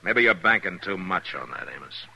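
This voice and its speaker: Old-radio western marshal, real deep forceful voice, stern and terse, bit of hiss and noise. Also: male voice, lively intonation, creaky, full character voice. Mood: measured, probing. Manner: laconic, commanding, measured. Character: stern, steady male frontier marshal, patient but firm. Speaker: lead actor in a radio western. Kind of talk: 1950s radio drama acting. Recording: noisy vintage 1950s radio broadcast recording.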